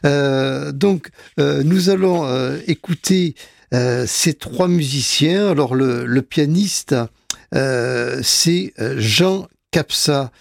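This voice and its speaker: A man's voice: a little high, slow pace, vocal fry, dry recording, clean studio sound. A man presenting jazz albums on a radio show in a casual, hesitant way, with many fillers and restarts. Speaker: radio music columnist. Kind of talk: casual radio music chat.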